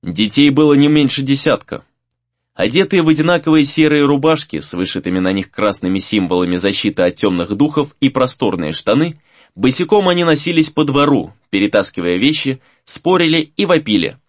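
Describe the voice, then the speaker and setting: A man reading a fantasy novel aloud as narrator, in a measured reading with varied emphasis. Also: medium pitch, expressive, no room sound, lo-fi sound. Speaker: audiobook narrator.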